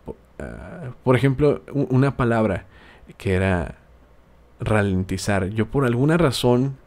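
Speaking in a mid-range, slightly mellow voice, a Mexican-accented man from Tijuana runs a casual podcast, animated yet unhurried. He rambles through friendly advice with plenty of hesitations, and he also makes videos.

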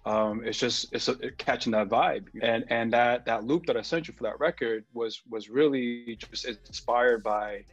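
A man's voice: mid-range voice, normal speed, hardly any pauses, dry recording, muffled recording. A man, a music producer chatting loosely on a video call, rambling with lots of fillers and slang. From New York. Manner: laid-back, rambling, slangy, with many fillers. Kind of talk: casual interview on a video call.

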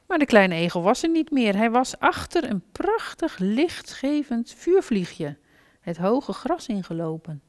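A woman's voice: on the high side, very animated, measured pace, dry recording. A woman reading a children's story aloud expressively during a church service.

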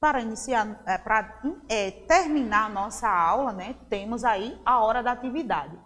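A woman teaching a children's phonics lesson with a Brazilian Portuguese accent, drawing out syllables slowly and often checking in with "tá?" in an encouraging tone. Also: fairly high pitch, long reverb tail. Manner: slow, drawn-out syllable drills with frequent "tá?" checks; warm, encouraging classroom tone to young pupils.

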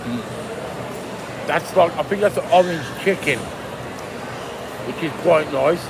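Under the glass roof of an indoor shopping mall food court, a man in his fifties reviews dishes for his food vlog into a phone held at arm's length, facing up. His fairly high voice is chatty and easygoing, dropping to murmurs while he tastes, and loud mall ambience makes the clip very noisy.

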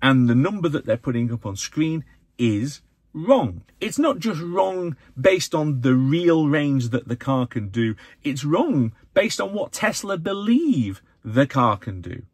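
An English man in his forties talking to camera from inside a parked car, animated and opinionated, often jumping up in pitch to stress a point. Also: unhurried, breathy edge, dry recording. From England. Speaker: vlogger, channel host. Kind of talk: casual to-camera vlog. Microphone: phone or camera held close in front.

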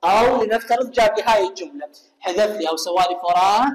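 A man with an Iraqi Arabic accent teaching an English lesson. He asks his students questions and answers them himself, and reads the English example sentences slowly and carefully. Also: high voice. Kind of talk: recorded classroom lesson. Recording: echoey room with long reverb.

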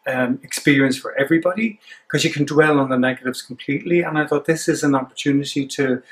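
In an interview, an Irish theatre director in his sixties reflects thoughtfully, stopping mid-sentence to search for words. His voice is mid-range.

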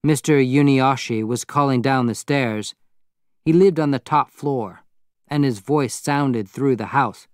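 A man reading a novel aloud as narrator in a measured, plain storytelling manner. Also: mid-range voice, no echo, clean studio sound. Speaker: audiobook narrator. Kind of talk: scripted narration.

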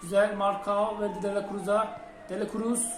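Excitable young man commentating his football game. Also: sits high, moderate pace, noisy background. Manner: shouts and cheers at goals, mutters quietly between plays. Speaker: gaming channel host. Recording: roomy home recording with game music behind.

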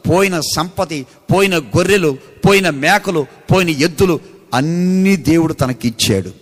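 A man's voice: on the high side, moderate pace. A pastor preaching a sermon with a Telugu accent, calling out to the congregation and acting out the people in his stories. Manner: preaches with call-and-response, acting out characters in quoted voices. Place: large church hall. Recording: echoey church hall.

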